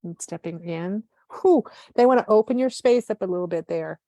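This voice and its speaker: Soft, reverent woman channeling messages. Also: fairly low pitch, normal speed, no room sound. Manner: soft, reverent, often breathy sighs. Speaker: guest channeler. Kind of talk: live spiritual channeling and reading.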